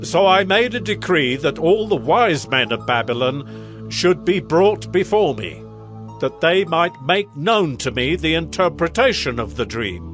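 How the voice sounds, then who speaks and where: Grandiose King Nebuchadnezzar, swooping slow delivery. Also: fairly high pitch, very animated, fairly bright tone, soft background music. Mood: awed recounting. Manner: declamatory, solemn, measured royal delivery. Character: proud, grandiose ancient Babylonian king, awed by wonders. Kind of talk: dramatized audio scripture acting.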